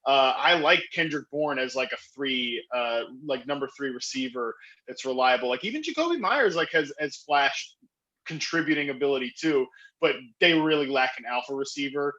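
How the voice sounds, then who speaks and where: A man's voice: medium pitch, lo-fi sound. A man speaking as a guest analyst on a podcast, talking enthusiastically with lots of fillers and restarts. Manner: excitable, fast talker with frequent fillers and restarts. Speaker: fantasy football analyst guest.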